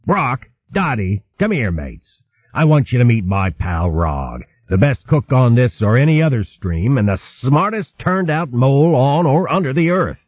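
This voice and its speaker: A man's voice: medium pitch, sing-song, normal speed, husky, no room sound, pitched above the performer's own voice. A man voicing a cheery, sturdy male otter who drops his h's and uses sailor slang. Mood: hearty. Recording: thin phone-like dry sound.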